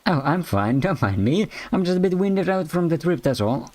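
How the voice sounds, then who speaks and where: A man's voice: on the high side, sing-song, moderate pace, darkish tone, voice pushed up. A man voicing an anxious young male detective in a mystery game, reading his lines in a shaken, insistent way. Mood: tense.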